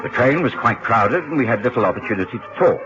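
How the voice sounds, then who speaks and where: An actor playing a genial, earnest middle-aged gentleman doctor with a Received Pronunciation accent, telling his adventures in a radio drama in a measured, expressive way. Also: medium pitch, over music, natural voice. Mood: grave storytelling. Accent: British Received Pronunciation. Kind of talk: radio drama narration and dialogue. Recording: dull, faintly noisy old radio recording.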